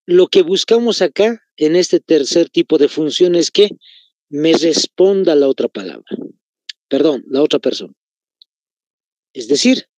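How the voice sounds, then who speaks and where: This man's voice is fairly high and a little mellow, recorded with no echo. Speaking with a Bolivian Spanish accent, he teaches an online class, explaining patiently, repeating key phrases and addressing his students as "chicos."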